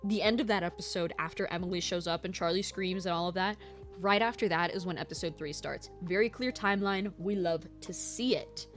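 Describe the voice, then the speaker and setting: A young woman vlogging a casual episode recap, excitable and rambling, swearing freely. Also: lowish voice, a little fast. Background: faint lo-fi background music.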